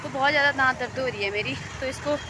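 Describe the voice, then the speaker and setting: A woman's voice: high-pitched, quick pace. A woman, chatting and complaining to her viewers in a casual vlog. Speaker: vlogger. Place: outdoors in a market and streets. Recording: noisy street background.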